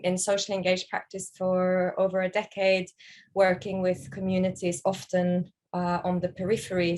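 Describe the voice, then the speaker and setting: Low, flat-voiced woman, slow and reflective. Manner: slow, thoughtful, many pauses and fillers. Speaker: artist, panel guest. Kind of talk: reflective panel talk.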